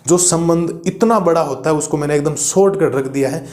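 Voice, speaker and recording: A man's voice: fairly high pitch, a little fast, a little mellow. A man teaching a maths lesson to students, explaining step by step, reassuring them and asking the class rhetorical questions. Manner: reassuring and encouraging. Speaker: math teacher. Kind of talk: classroom lecture video.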